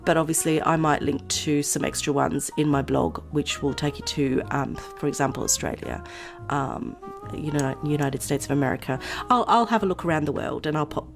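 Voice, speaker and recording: A woman vlogger chatting casually to her viewers, her voice nasal and hoarse from a cold, rambling and laughing often. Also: low voice. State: voice going hoarse. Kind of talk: casual chat to camera.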